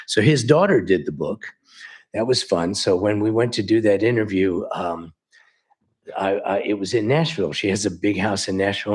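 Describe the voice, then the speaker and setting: A man's voice: lowish voice, darkish tone, husky. A man who runs a music store telling chatty anecdotes at a council meeting, acting out the quoted dialogue. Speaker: local music store owner presenting. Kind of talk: storytelling presentation at a council meeting.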